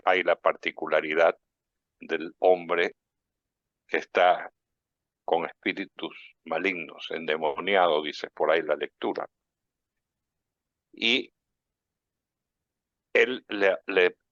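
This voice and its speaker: A man with a very low voice hosts a religious radio program. He leads prayer and reflects on scripture in a reverent, unhurried way. The sound is dry and a little dull, like a lo-fi studio broadcast. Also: a bit bright, dry recording. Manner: reverent, unhurried preaching delivery.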